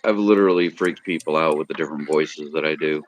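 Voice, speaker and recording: A man's voice: extremely low pitch, quick pace, background noise. A man, a guest on a live stream, chatting casually and talking up the voices he can do. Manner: chatty, boastful about doing voices. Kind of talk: casual chat.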